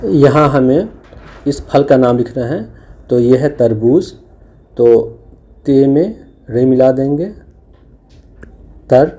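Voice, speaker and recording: A man's voice: medium pitch, slow, pauses often, mellow. A man teaching Urdu letters over slides, patiently sounding out letters and syllables one by one. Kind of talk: recorded lesson explaining a slide.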